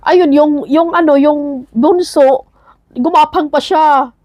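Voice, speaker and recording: A woman guest telling her personal story in an interview, halting and searching for words with many fillers and restarts. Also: high-pitched, dark tone, no room sound. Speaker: interview guest, single mother. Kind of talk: emotional personal testimony.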